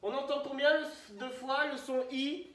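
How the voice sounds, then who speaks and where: A man teaching young children, asking questions and spelling words out slowly syllable by syllable. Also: very high voice, steady tone, pushed and bright, far from the mic. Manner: questioning, prompting pupils to answer. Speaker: primary school teacher. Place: classroom. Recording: roomy echo, voice from the mic.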